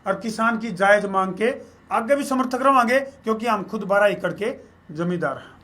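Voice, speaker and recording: A man with a Haryanvi accent speaks in a high voice. His tone is bright and forceful. He talks with folksy earnestness, as a local journalist pleading his case in an interview. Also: normal speed. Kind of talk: earnest public appeal in casual interview.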